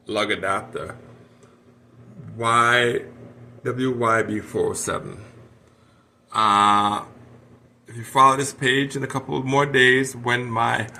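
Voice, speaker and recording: Male hobbyist, unscripted demo voice, rough gravelly edge, mid-range pitch. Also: pushed and bright, a little hiss or hum. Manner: rambling, talks while working with his hands. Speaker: watch hobbyist demonstrating. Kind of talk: unscripted casual demonstration.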